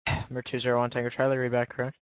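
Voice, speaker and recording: A man working as an air traffic controller, issuing clearances in clipped radio phraseology. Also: medium pitch, monotone, rapid-fire. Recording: dull lo-fi radio audio.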